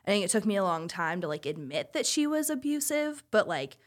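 A young woman in her twenties, once a college swimmer, chats candidly as a podcast guest in a mid-range voice with big pitch swings and a slightly fast pace. Her casual talk is loaded with "like."

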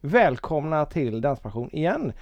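A man's voice: fairly high pitch, big pitch swings, no room sound, lo-fi sound. Cheerful male podcast host, dry sound. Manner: cheerful, laughs often. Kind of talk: casual chat.

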